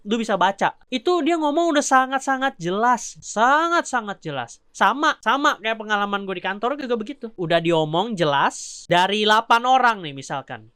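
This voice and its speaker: A woman's voice: fairly high pitch, a bit bright, no echo, studio quality. Blunt, cursing woman with Jakarta slang. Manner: blunt, profane, scolding. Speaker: vlogger. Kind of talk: ranting commentary.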